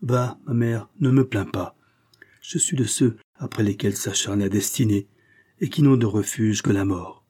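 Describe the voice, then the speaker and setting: A male narrator performs an audiobook of a classic novel, giving voice to a guilt-ridden young man who confesses to his mother with rising, self-accusing emotion. His dark, husky voice sits fairly low, his pace a little slow and his mood remorseful.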